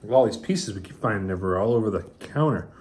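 A man's voice: lowish voice, expressive, rapid-fire, darkish tone, a little hiss or hum. A father casually reviewing snacks with his child, reading the package blurbs aloud and teasing playfully.

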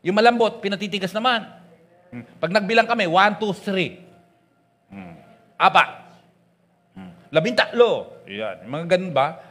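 A man preaching a sermon with a Pangasinan accent, mixing English into his talk, swinging between loud and soft and often calling out "Amen?" and "Praise God.". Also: sits high, expressive, a little slow, long pauses, in a large hall. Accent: Pangasinan Tagalog. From Pangasinan, Philippines. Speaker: pastor. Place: church.

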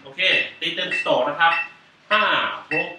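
A man's voice: on the high side, moderate pace, very noisy. A man teaching drums in Thai, explaining each exercise patiently and counting in aloud as he plays. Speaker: drum teacher. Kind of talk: demonstrating drum exercises. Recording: roomy, distant mic with loud drumming.

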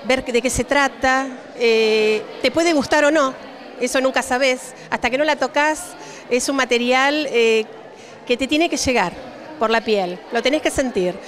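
A middle-aged Argentine woman speaks about her school in a casual interview at an indoor exhibition. Her voice is slightly higher than most women's. She talks openly into a handheld mic, dotting her answers with "eh". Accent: Argentine Spanish. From Cipolletti, Argentina. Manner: warm-hearted, many "eh" fillers. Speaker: ceramics teacher. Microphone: handheld reporter mic.

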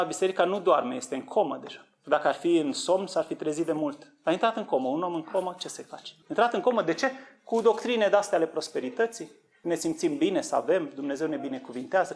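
In a sermon about end-times prophecy, a man urgently presses his listeners with rhetorical questions, his voice swinging between low, earnest tones and high, fervent outbursts.

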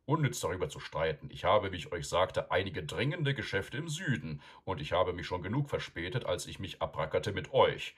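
Loud bossy old wizard lecturing, deep husky voice, a man putting it on for a storybook. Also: sing-song, normal speed, hardly any pauses, heavily acted. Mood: stern, lecturing. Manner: loud, admonishing, emphatic.

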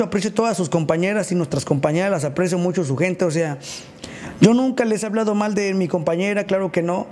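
A Mexican baker who livestreams casually greets his viewers in crude slang and rants combatively. His voice is high-pitched with a darkish tone.

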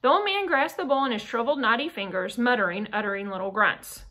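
A woman reads a classic novel aloud, measured and careful. Her voice is bright and sits fairly high. She keeps a steady storytelling flow. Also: low-quality recording. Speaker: audiobook reader.

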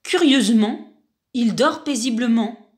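A woman narrating a children's picture book in an unhurried way, adding sighs and little exclamations. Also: a little high. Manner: unhurried, with sighs and spoken interjections. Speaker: storyteller.

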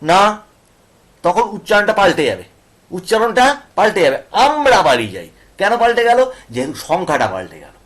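Man, teacher, Bengali accent, high voice, grammar lesson, frequent questions to students. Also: big pitch swings, fairly quick, a bit bright. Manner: asks students questions and repeats points.

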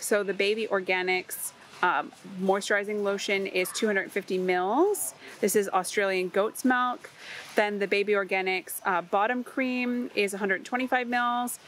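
A woman's voice: mid-range voice, fairly bright tone, slight background noise, poor audio. A woman in a large warehouse store, chatting casually as she reads product labels aloud for a shopping vlog. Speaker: shopping vlogger.

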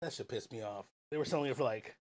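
A man co-hosting a podcast in casual chat, animated and joking, who swears freely. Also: mid-range voice, quick pace. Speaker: podcast co-host.

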